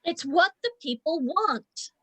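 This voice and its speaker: A woman's voice: very high-pitched, expressive, takes it slowly, bright, forceful tone, exaggerated voice, low-quality recording. A woman reading the part of a prim, indignant member of a village drama group. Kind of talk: amateur play reading. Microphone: video call.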